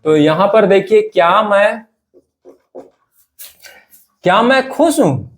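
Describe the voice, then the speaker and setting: A man's voice: high voice, expressive, slow pace. A man teaching English grammar, drilling example sentences over and over. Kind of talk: classroom grammar lesson.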